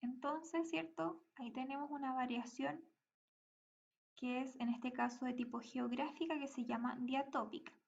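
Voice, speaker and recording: A woman's voice: high-pitched, steady tone, normal speed, creaky, highs cut off. A woman teacher with a Chilean accent gives a recorded class, explaining step by step and often checking in with the students. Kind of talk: recorded class lesson reading slides.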